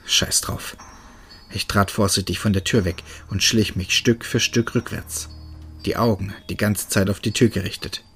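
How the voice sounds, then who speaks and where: A man narrating a first-person horror story in a steady, tense manner. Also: on the low side, normal speed, soft background music.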